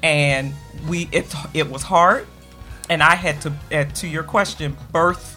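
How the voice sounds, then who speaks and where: A middle-aged woman, a guest author on a radio interview, telling a personal story in an animated way and acting out the voices of people she quotes. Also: low-pitched, measured pace, faint music behind.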